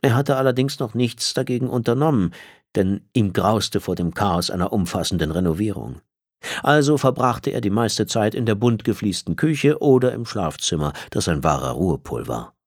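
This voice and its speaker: A man reading an audiobook in measured, expressive scripted narration. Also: lowish voice.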